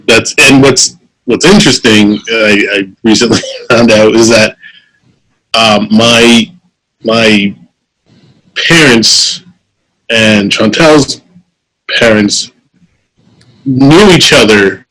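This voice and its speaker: A man's voice: lowish voice, slow, pauses often, fairly bright tone, poor audio. A man co-hosting a casual podcast chat who laughs often and trails off mid-sentence. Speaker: podcast co-host.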